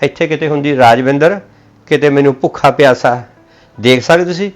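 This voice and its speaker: A man's voice: on the high side, normal speed, soft background music. A man in a Punjabi family comedy sketch, complaining in a sulky way.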